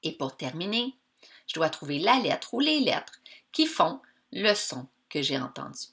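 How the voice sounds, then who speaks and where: Québécois female teacher for a kids' lesson, bright, slow, very animated, drawn-out sounds, encouraging. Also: low-pitched. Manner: slow, stretched-out sounds of words for young learners; encouraging, addresses pupils directly. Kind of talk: children's reading lesson.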